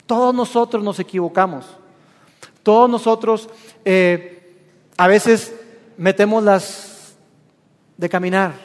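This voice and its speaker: A man's voice: high-pitched, steady tone, takes it slowly, long pauses, long reverb tail. A man with a Mexican accent, preaching a sermon to his congregation and telling personal stories as the pastor. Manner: storytelling with personal anecdotes, addressing the congregation. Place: church.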